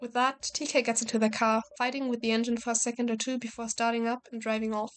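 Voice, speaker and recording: A woman's voice: a little high, level tone, quick pace, clean tone, faint music behind. A woman playing a visual novel, reading the text aloud and adding casual, joking commentary. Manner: casual, joking, swears and laughs at herself.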